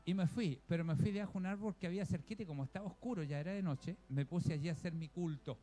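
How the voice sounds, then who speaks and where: A Chilean man preaching in a relaxed, storytelling way, his voice pitched notably high for a man. He speaks to the congregation as brothers and sisters. Faint music plays softly behind him. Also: quick pace. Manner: homely storytelling, often addresses listeners as brother. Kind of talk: conversational sermon.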